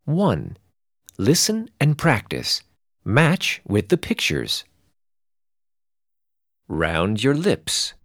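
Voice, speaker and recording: A male phonics teacher gives scripted instructions in a very lively, swooping voice. He takes his time over each word with clear, deliberate delivery. The sound is close and dry, with no room around it. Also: mid-range voice, dry recording.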